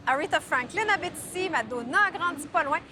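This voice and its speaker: High-voiced teasing woman host. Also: lively intonation, quick pace, noisy background. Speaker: travel food show host. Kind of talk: casual chat and interviewing.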